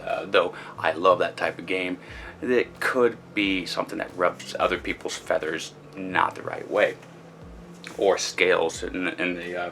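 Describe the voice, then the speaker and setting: A man's voice: low voice, creaky, fairly bright tone, slight background noise. A man hosting his own channel, giving a chatty, rambling board game review and walking through the rules step by step. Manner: loose, rambling, with fillers and restarts. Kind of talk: casual video review.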